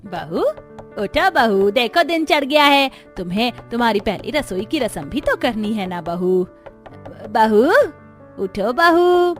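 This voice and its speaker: A patient middle-aged cartoon mother-in-law coaxes and pleads in a fairly high, very lively voice, as a woman voices her. Soft music runs under the storybook dub. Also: moderate pace. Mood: coaxing. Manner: gentle, pleading, conciliatory. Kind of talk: animated storybook dubbing.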